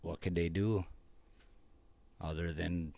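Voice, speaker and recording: A man with an Upper Peninsula Michigan accent, talking in a relaxed, rambling way as an interview guest, with lots of restarts. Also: low-pitched, slow, gravelly. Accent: Upper Peninsula Michigan (Yooper). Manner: rambling, enthusiastic, many restarts. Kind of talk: casual conversation.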